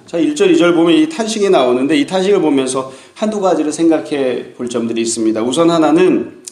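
A man giving a calm, explanatory sermon on a psalm as a pastor, asking rhetorical questions. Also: a little high, echoey room.

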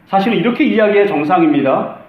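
A man's voice: high-pitched, expressive, quick pace, narrow, tinny audio. Man preaching conversationally in an echoey church. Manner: conversational preaching, acts out quoted lines. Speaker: pastor. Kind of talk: sermon.

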